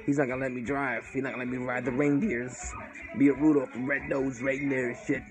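A man's voice: mid-range voice, flat delivery, fairly quick, music in the background. A young man, drunk, rambling casually to the camera in loose, sweary slang, close to the mic indoors. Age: young adult. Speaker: vlogger in comic drunk-elf persona. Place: indoors on a couch in a living room. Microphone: phone or webcam held close.

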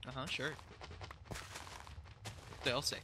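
A man's voice: medium pitch, fairly even intonation, a little slow, bright, forceful tone, breathy edge. A man co-hosting a casual co-op game session, teasing his partner and giggling while he crafts. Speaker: co-host gamer. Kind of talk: casual co-op gameplay chat.

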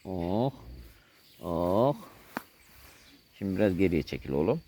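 A man's voice: low voice, very animated, slow, dark tone. Cooing man babying his dog outdoors. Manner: cooing, repetitive baby-talk to a dog; gives short instructions to the camera person. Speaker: dog owner filming with his pet. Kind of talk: casual talk to a pet. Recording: noisy outdoor recording.

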